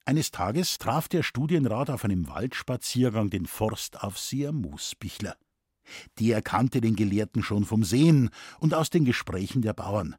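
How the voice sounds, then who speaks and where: A man reading a humorous story aloud as the narrator, with a lively, expressive delivery. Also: fairly low pitch, measured pace, husky, dry recording, clean studio sound. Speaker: audiobook reader.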